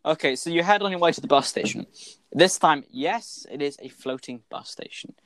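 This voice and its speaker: A man's voice: fairly high pitch, animated, normal speed, a bit bright, no echo, low-quality recording. A young man narrating as game master in a tabletop game over voice chat, playful, humming sound effects.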